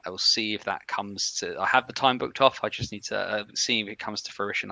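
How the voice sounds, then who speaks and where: Bright-voiced enthusiastic guest. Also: male voice, lowish voice, vocal fry, dry recording, low-quality recording. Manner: enthusiastic, quick plugs. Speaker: podcast guest. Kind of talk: casual chat.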